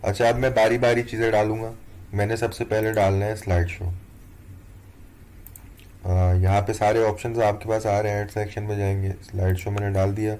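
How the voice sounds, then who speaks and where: A man's voice: fairly low pitch, normal speed. A young man teaching an online course over a screen recording, talking step by step and checking in often with the viewer. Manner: relaxed, step-by-step, keeps checking in with "theek hai". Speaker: course instructor. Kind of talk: screen-recorded tutorial walkthrough.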